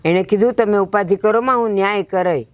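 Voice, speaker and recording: A woman's voice: medium pitch, brisk, dry recording, muffled recording, natural voice. A woman plays an older village mother in a village family drama, soothing and pleading with her children. Her voice is recorded dry and close.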